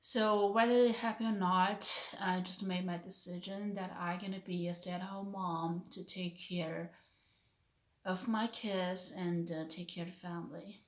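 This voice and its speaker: A Chinese woman in her thirties, a vlogger and stay-at-home mother, speaks English as a non-native speaker with a Chinese accent. She gives an earnest personal faith testimony, halting and searching for words. Her voice is fairly low and steady, and the sound is roomy.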